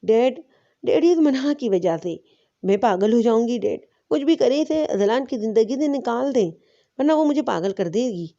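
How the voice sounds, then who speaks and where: A woman's voice: on the high side, lively intonation, warm tone, muffled recording. A woman reading as a spoiled frantic young woman. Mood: desperate. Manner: sobbing, pleading.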